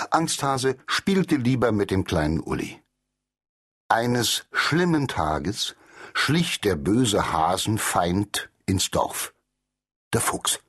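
A man narrating a children's storybook, telling it in an animated way and doing the characters' voices. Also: on the low side, breathy edge. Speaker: audiobook narrator.

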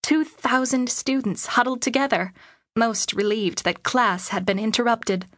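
A woman narrates a novel in the first person, measured and steady. Her voice sits fairly high and the studio recording is dry and close. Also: no echo. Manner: measured, storytelling. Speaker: audiobook narrator.

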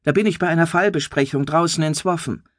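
A man's voice: a little high, quick pace, no echo, clean studio sound, lightly acted. A woman reading an audiobook, voicing a curt, grumbling middle-aged male police chief. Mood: gruff.

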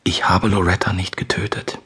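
A man's voice: sits low, flat delivery, normal speed, a bit bright, breathy edge, in a whisper, heavily acted. A man voicing a tired suspect in a police interrogation, answering tersely and defiantly.

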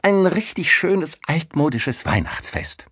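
A man voicing an excited, cheerful young woman in an audiobook, raised high with breathless delight. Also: takes it slowly, husky, no echo, studio quality, full character voice.

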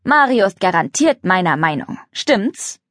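A woman's voice: mid-range voice, very animated, a little slow, fairly bright tone, no room sound, clean studio sound. A woman voicing a proud, plainspoken old grandfather who runs a farm, in a children's storybook reading. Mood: earnest. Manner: gruff, plainspoken. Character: kindly old grandfather farmer, stubborn and proud.

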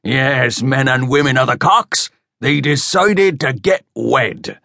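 Male narrator doing a tipsy, boastful axeman, deep rumbling bass, slow and dry, storybook reading. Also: creaky, sharp tone, no room sound, full character voice. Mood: boisterous toasting. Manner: tipsy, swaying, hiccuping toasts. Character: burly drunken male axeman, boastful and gruff.

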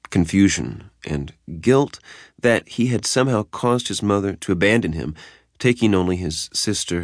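A man narrating a thriller audiobook in a measured, even storytelling manner. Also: deep voice, no room sound, clean studio sound. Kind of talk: scripted narration.

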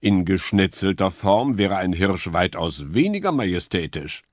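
A man's voice: low voice, expressive, a little slow, dry recording, studio quality. A man voicing a sensible male beaver in a children's audiobook, speaking matter-of-factly. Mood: calm.

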